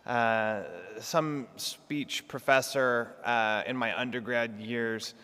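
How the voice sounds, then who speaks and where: A man giving a lecture in a large church, talking quickly while he tries to slow down and project. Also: medium pitch, fairly even intonation, sharp tone, smooth. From Texas. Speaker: guest lecturer. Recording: long hall reverb in a church.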